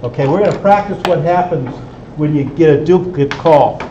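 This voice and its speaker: Pitched on the high side and talking a little fast, a man leads hands-on group teaching at an amateur radio club. He explains practically and keeps checking that listeners follow, while the echoey indoor room, distant dull mic, and faint noise color the recording.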